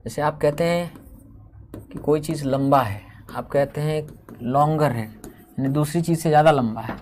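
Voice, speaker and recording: A man's voice: on the high side, a little mellow, a little hiss or hum. A man teaching a grammar lesson, explaining step by step and drawing out each example word. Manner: explains step by step, slows and drags out example words.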